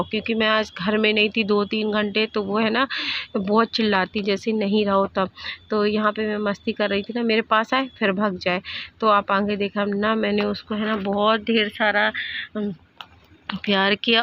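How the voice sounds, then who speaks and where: Casting: young woman, casual vlog voice-over, rambling and chatty, flat tone, slightly dull lo-fi sound. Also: medium pitch. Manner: chatty, rambling, many fillers. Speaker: vlogger. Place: indoors at her mother's home.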